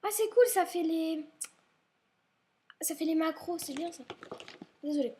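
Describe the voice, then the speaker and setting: A woman's voice: very high-pitched, unhurried, dark tone, slight background noise. A young woman vlogging at home and chatting about her school supplies, rambling and often apologizing, a little ill and maybe stuffy-nosed. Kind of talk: casual chat showing school supplies. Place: at home, indoors.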